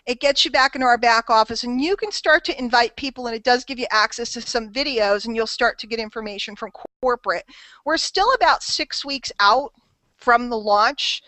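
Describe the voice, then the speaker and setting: A woman's voice: fairly high pitch, moderate pace, bright, forceful tone, no room sound, poor audio. A woman hosting a casual group call, chatty, teasing and persuasive. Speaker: host of a marketing call.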